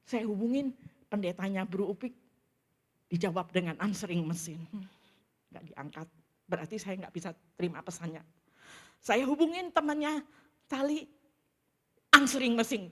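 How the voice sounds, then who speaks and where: A middle-aged woman giving a sermon testimony, telling her story in a lively way and often calling out to the congregation. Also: medium pitch. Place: church sanctuary.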